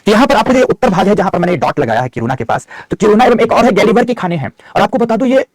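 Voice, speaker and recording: A man's voice: sits high, animated, very fast, no room sound, clean studio sound. A middle-aged male geography teacher, giving an online map lecture, answering students' chat questions and dictating notes.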